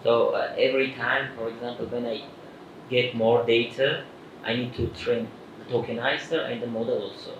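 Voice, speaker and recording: Young male audience member, hesitant with fillers, gravelly, far off mic in an echoey hall, dull sound, clear background noise. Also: medium pitch, steady tone, moderate pace. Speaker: audience member asking a question. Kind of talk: Q&A question. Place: conference hall. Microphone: handheld mic.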